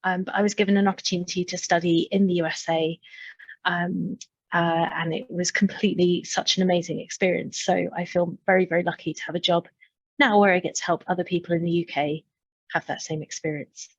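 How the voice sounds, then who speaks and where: A woman's voice: on the low side, flat delivery, a little fast, no room sound, highs cut off. A woman from the UK, an education advisor, introducing herself in a webinar with friendly enthusiasm. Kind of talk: webinar presentation.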